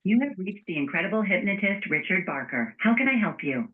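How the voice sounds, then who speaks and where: A synthetic female voice acts as an automated phone receptionist, reciting polite, formulaic customer-service lines. Her mid-range voice moves along fairly quickly with a sing-song lilt. The sound comes through a tinny phone line.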